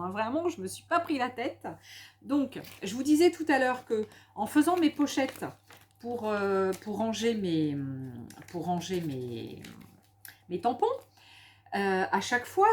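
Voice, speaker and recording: A woman from France chatting casually at home about craft supplies she bought, enthusiastic and full of little hesitations and repeats. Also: fairly high pitch. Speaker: crafting vlogger. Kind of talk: casual haul and craft chat.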